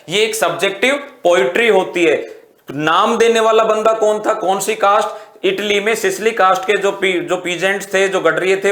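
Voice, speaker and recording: A man's voice: sits high, fairly bright tone, roomy sound. A male teacher giving an exam-prep literature lecture, mixing Hindi with English terms and quizzing his students with rhetorical questions, calling them "beta".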